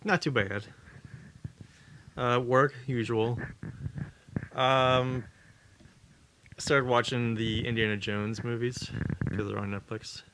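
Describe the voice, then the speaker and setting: A man's voice: mid-range voice, fairly even intonation, slow pace, long pauses, noisy background. A man co-hosting a podcast, chatting casually in short, laid-back remarks. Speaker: podcast co-host. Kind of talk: casual chat.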